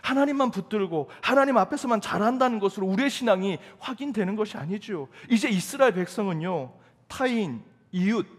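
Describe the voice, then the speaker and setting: In a church sanctuary full of long reverb, a pastor preaches with emphasis and keeps posing questions, each phrase trailing away into the hall. His voice sits high for a man in this sermon.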